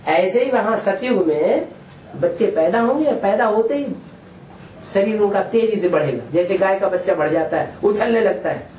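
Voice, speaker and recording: A man's voice: high-pitched, expressive, moderate pace, darkish tone. A man acting as spiritual teacher, answering questions in a patient explaining manner and often checking with a rhetorical question. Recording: echoey room, distant mic, faint hiss.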